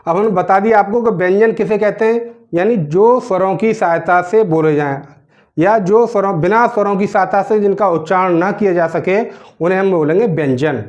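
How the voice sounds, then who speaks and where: High-voiced male teacher, dull recording. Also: moderate pace, a little mellow. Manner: asks rhetorical questions and answers them himself; keeps checking in with "theek hai na". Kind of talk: classroom grammar lesson.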